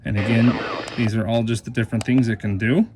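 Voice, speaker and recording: This is a male product reviewer doing a casual, explanatory hands-on demo in plain language. He talks briskly, in a steady tone at medium pitch, and the recording is clear with noise in the background.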